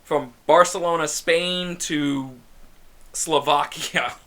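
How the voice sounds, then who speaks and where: A man's voice: fairly high pitch, expressive, brisk, bright, forceful tone. A young man hosting a casual podcast chat, laughing often and swearing casually. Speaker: podcast host.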